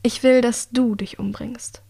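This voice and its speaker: Picture a composed young woman who threatens without ever raising her voice, as a female narrator voices her. Her words stay quiet, measured and icily polite, as in a dark audiobook. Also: fairly high pitch, steady tone, gravelly, slightly rough, heavily acted. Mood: quietly menacing. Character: calm, coldly menacing young woman assassin.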